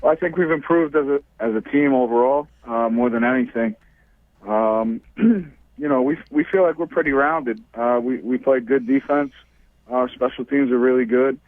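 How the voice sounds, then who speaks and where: A football coach, a man, answering questions over the phone in a low-key, halting way with many fillers. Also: dry recording. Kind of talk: phone interview. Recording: tinny dry phone line.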